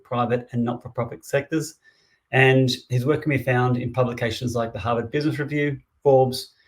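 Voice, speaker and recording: A man at a middle pitch hosts a virtual event over a video call. He reads a polished speaker introduction and then eases into a loose, chatty exchange. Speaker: event host.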